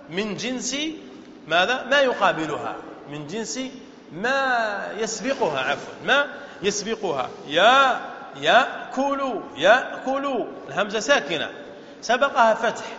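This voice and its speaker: A man's voice: sits high, fairly bright tone, a little hiss or hum. Man teaching in an echoey hall. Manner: asks questions then answers them himself. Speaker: sheikh teaching Arabic morphology. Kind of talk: classroom lesson explaining verse. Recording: echoey hall, dull lo-fi sound.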